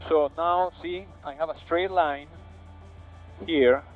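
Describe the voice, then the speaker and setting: A man's voice: on the high side, fairly even intonation, slow pace, soft background music. A man who is a pilot, talking casually and making radio calls as a pilot over the radio. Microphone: aviation headset. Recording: muffled narrow-band cockpit headset audio.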